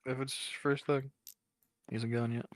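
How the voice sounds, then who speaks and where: A man's voice: mid-range voice, level tone, normal speed, no echo. A man refereeing a tabletop wargame, explaining rules in a loose, joking way with many restarts. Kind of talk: casual game-table chat.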